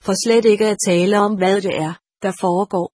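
A woman's voice: mid-range voice, fairly even intonation, a little mellow, no echo, clean studio sound, close to an everyday voice. A woman voicing a bewildered, earnest young male soldier's ghost with an anxious, pleading manner in an audiobook. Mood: worried. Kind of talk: audiobook character reading.

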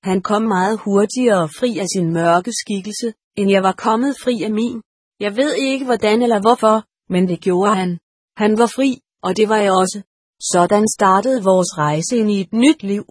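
A woman reading an audiobook in a calm, measured storytelling manner, close to the mic. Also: mid-range voice, breathy edge, dry recording. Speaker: audiobook narrator. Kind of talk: scripted narration.

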